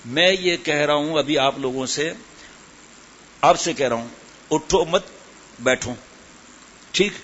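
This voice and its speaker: A man's voice: a little high, a bit bright, a little hiss or hum. A man preaching a religious sermon to a live gathering, firing questions straight at his listeners and slipping English words into his talk. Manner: questions the audience directly, mixes in English words. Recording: dull lo-fi sermon recording.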